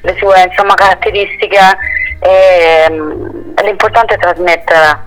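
A male singer-songwriter answering interview questions thoughtfully, pausing often to search for words. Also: sits high, steady tone, fairly bright tone, faint music behind, low-quality recording. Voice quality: soulful voice.

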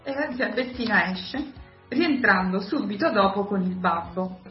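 A woman narrating the stage directions of a radio drama in an even, steady reading. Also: mid-range voice, measured pace. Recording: roomy, slightly dull radio recording, faint music.

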